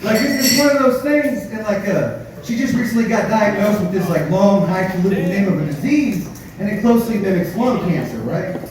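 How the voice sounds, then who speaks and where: A man performing live stand-up comedy, telling crude, profane, dark-humored stories in a conversational way straight to the crowd. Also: sits high, sing-song, brisk. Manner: conversational storytelling, addresses the crowd directly. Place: live comedy show with audience, echoey room. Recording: echoey room, distant mic, audience noise.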